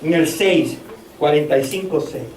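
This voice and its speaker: A male pastor preaching a fervent sermon in a church, often raising his voice to a shout. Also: a little high, measured pace. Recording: echoey church from far off, faint noise.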